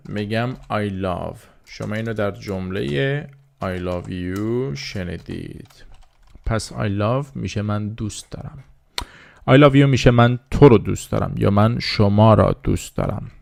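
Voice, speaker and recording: Man, language teacher, gravelly, lowish voice, patient repetition. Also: darkish tone, no echo. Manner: slow drilling repetition of words, patient explaining. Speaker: English teacher. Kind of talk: beginner language lesson.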